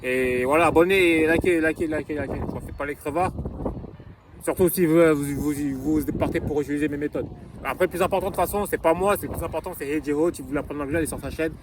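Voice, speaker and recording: A man's voice: a little high, fast talker. A young man from France casually talking in a vlog, rambling with street slang and lots of restarts, recorded outdoors in wind. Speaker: vlogger sharing English-learning tips.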